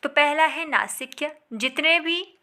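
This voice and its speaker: A woman with a high, bright voice teaches a lesson. She asks the class a question and answers it herself, and stretches vowel sounds out slowly to show them. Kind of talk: classroom lecture.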